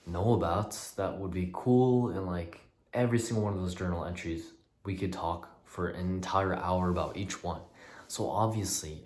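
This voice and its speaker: A man's voice: deep voice, a little hiss or hum. A young man rambling through a personal vlog rant, swearing freely and sometimes dropping into a whisper, recorded in a small bathroom. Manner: profane, rambling, restarts, drops to a whisper at times. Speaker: vlogger. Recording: echoey small room with faint ambience.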